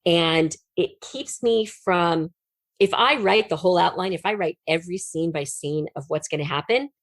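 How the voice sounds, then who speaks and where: As a writer being interviewed, a woman describes her own method through lively conversational storytelling, thinking aloud and posing questions as she goes. Her voice is fairly low-pitched at a normal speed, recorded with no room sound.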